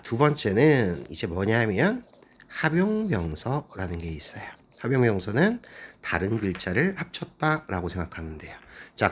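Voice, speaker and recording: Male teacher, lively and husky, lecturing a class and quizzing students as he goes. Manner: explains step by step, asks the class questions; lively, animated pitch. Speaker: Korean language teacher.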